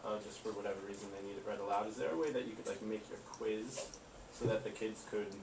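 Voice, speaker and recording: A man's voice: on the low side, fairly even intonation, quick pace. A man student asking questions in class, hesitant and full of filler words. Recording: echoey classroom, mic far off, noisy.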